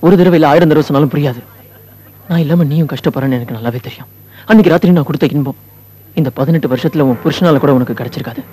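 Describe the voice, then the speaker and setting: A husky, coaxing young lover. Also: male voice, fairly high pitch, racing, mellow. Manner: coaxing, insistent. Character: persistent young male lover, pleading and coaxing.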